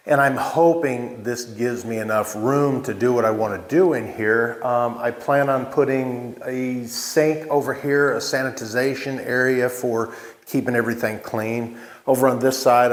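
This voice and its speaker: A man talking casually and unscripted as he hosts a walk-through vlog, explaining things in a plain-spoken, halting way. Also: mid-range voice. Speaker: vlog host, small farm winemaker. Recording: echoey bare room or open space.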